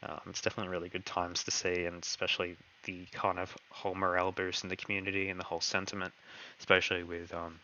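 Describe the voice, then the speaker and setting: Low-voiced man losing his voice. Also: monotone, quick pace, bright, forceful tone, dull audio, slight background noise. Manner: hesitant, heavy on fillers and "kind of". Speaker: crypto project host answering community questions. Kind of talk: live online Q&A chat.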